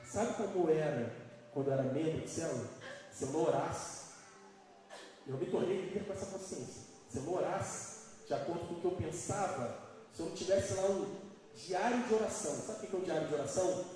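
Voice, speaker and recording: A man's voice: a little high, a little fast, warm tone. A man preaching a live sermon as pastor, emphatic and questioning his congregation. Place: church hall. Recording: echoey hall from far off, music behind.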